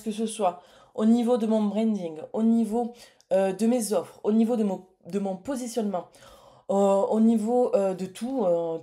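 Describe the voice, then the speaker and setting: A woman's voice: mid-range voice, dark tone. A woman in her late thirties chatting to camera in a casual vlog, effusive and full of hesitations. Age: late 30s. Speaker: entrepreneur and vlogger.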